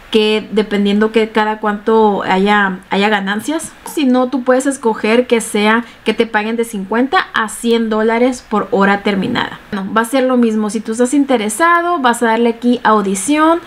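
Young woman, slightly high voice, casual home tutorial, chatty with fillers, webcam mic. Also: fairly even intonation, moderate pace. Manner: chatty, explains step by step with many fillers. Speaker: online tutorial host. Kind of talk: casual screen-share tutorial. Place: small room at home.

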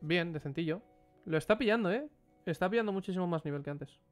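A young man from Spain with a Spanish accent speaks quickly in a high-pitched, expressive voice as he reviews a player's matches live. Wearing a headset, he gives blunt, informal commentary and answers chat, with faint music behind him.

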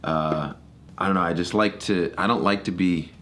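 A middle-aged American man hosts a casual solo podcast from a small home studio, speaking into a close boom-arm mic. He rambles through stories and keeps correcting himself, his voice low-pitched, a bit bright and steady in tone, at a normal speed.

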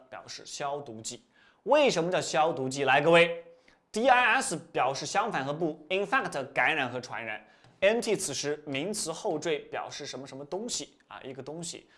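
Lively male vocabulary teacher. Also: a little high. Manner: lively, repetitive explaining with rising emphasis and trailing-off endings. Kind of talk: recorded vocabulary lesson.

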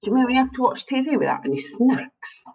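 A woman's voice: high-pitched, sing-song, fairly quick, gravelly, distant mic, voice pushed up, heavily acted. Ella, a woman doing a bold little girl. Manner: loud, whiny.

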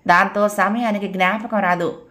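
A woman voicing a sharp scolding housewife. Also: medium pitch, steady tone, moderate pace, close to an everyday voice. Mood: lecturing. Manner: scolding, lecturing. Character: sharp-tongued sensible housewife.

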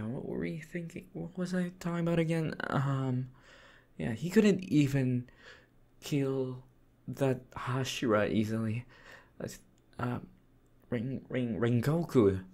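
Sly, cheerfully cruel demon lord, played by a man; whispered role-play, slow drawling pace, mocking sing-song delivery. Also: mid-range voice, a little mellow. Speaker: voice actor.

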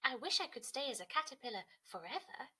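A small, sweet girl caterpillar from a storybook, played by a woman reader, high and bright. She is cautious and wistful, hesitant about any change. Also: sing-song, quick pace, breathy edge, exaggerated voice. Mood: worried, wistful. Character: cautious, reluctant young female caterpillar, sweet-natured.

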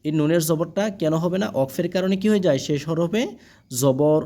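A man teaches Quran reading, spelling out each letter and its vowel marks one by one. His voice sits a little high yet sounds soft and warm. He draws the recited words out slowly and keeps checking that his learners follow. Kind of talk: spelling-out Quran lesson, call and repeat.

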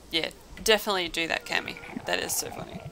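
A young woman chats casually with friends during an online game, laughing often and easily amused. Her voice is lowish and creaky with a sharp tone, picked up close on a desk mic.

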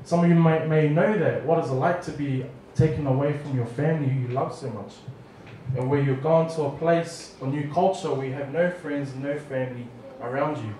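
A man in his thirties from New Zealand, preaching a storytelling sermon on a handheld mic, animated and acting out family dialogue. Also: fairly high pitch, a little fast, slight background noise. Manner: animated, acts out family dialogue with lively gestures. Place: church hall, small room. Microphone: handheld mic, far camera. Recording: echoey hall from far off.

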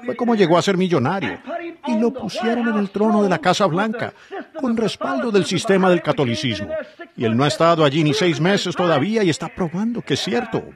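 A man delivering a sermon as a simultaneous interpreter, preaching emphatically and often pausing on rhetorical questions. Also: high-pitched, lively intonation, a crowd in the background.

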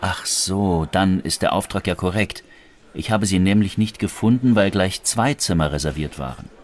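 A man's voice: deep voice, moderate pace, natural voice. A man playing a helpful, courteous hotel desk clerk in a language-course dialogue.

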